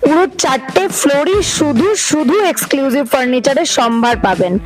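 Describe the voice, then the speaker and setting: A woman's voice: sits high, animated, a little fast. A woman with a Bengali accent reading a scripted promotional advertisement. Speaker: advertisement voice-over announcer. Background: guitar music.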